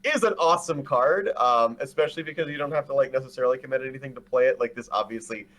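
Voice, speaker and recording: A man's voice: mid-range voice, fast talker, a bit bright. A man co-hosting a casual podcast, talking eagerly and often restarting his phrases. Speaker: podcast co-host. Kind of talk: casual podcast chat about a card game.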